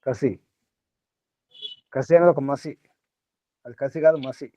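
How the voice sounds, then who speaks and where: A man's voice: mid-range voice, slow, warm tone, dry recording. A man teaching a small group in a spiritual talk, repeating his points and asking rhetorical questions. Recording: tinny phone-like dry sound.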